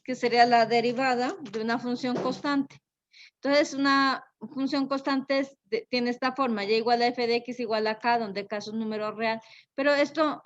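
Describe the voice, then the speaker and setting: A woman teaching a math lesson, unhurried and thinking aloud, often checking in with a quick tag question. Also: on the high side, a little hiss or hum. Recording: dull lo-fi recording.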